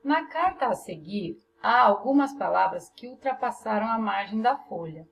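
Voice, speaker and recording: A woman's voice: a little high, animated, normal speed, vocal fry. A woman with a Brazilian Portuguese accent, teaching a class through a workbook, step by step and often checking in with her students. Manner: patient, explains step by step, checks in with "tá?".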